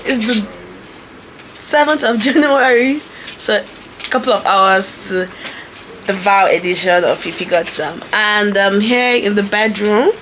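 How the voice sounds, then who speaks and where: A woman's voice: mid-range voice, a little slow, fairly bright tone. Young woman, vlog host, casual and giggly to camera, bedroom, light room noise. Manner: chatty, giggly, talks to camera. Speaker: vlogger, bride-to-be. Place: bedroom, indoors.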